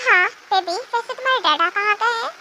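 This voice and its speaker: Fan dubber doing a sulky childish young wife, high voice, hissy mic. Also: brisk, sharp tone, exaggerated voice. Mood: sweet. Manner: refers to herself in third person, whiny. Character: moody pregnant young wife, childish and pouty. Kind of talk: amateur fan dub. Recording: noisy home recording.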